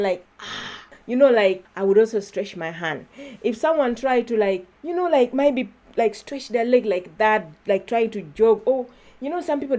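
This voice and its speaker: A woman's voice: a little high, dark tone. A woman from Uganda, talking casually to her viewers in a vlog, chatty and often laughing. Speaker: YouTuber.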